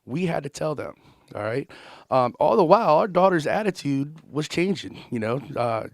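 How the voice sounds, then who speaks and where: A man's voice: fairly high pitch, very animated, moderate pace, gravelly, no echo. Earnest frustrated father, dry sound. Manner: earnest, frustrated, many restarts. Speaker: interviewed parent. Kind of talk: sit-down interview.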